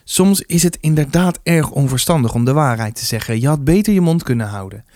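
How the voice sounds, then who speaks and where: A man's voice: a little high, lively intonation, a little fast, a little mellow, dry recording, clean studio sound, natural voice. A man doing a worried, businesslike mother. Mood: admonishing. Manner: businesslike yet anxious questioning. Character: calm, worried middle-aged mother. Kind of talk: storybook reading.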